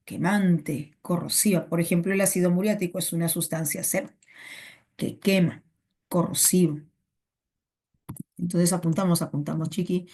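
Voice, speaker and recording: A young Peruvian woman teaches a live online class in a slow, unhurried way, drilling synonyms again and again. Her voice is low-set and warm, heard through a computer microphone. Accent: Peruvian Spanish.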